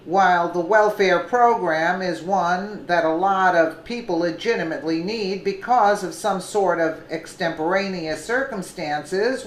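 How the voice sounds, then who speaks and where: A woman hosting a news commentary segment, reading her script deliberately and correcting herself now and then. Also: medium pitch, echoey room, poor audio. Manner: slow, deliberate reading with an occasional self-correction.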